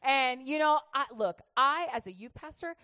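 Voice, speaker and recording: High-voiced woman preaching a lively testimony. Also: normal speed, no echo. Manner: chatty and animated, laughing often. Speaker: youth pastor. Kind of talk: humorous testimony sermon.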